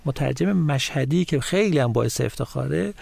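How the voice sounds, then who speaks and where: A man's voice: medium pitch, animated, creaky, a little mellow, husky, no room sound. A man from Mashhad, a guest on a studio talk show, explaining local culture and reeling off long lists of places and words. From Mashhad, Iran.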